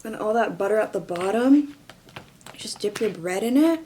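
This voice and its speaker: Female vlogger, casual and expressive, mouth full while talking, mid pitch, some background noise. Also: moderate pace. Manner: playful, expressive, sassy. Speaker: vlogger doing a mukbang and Q&A. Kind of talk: casual chat to camera while eating.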